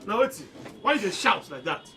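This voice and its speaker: A man's voice: sits high, very animated, brisk, bright, forceful tone, slight background noise, exaggerated voice. A man with a Nigerian accent playing a defensive, indignant boss, speaking Nigerian Pidgin. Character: defensive, indignant male boss of workshop boys.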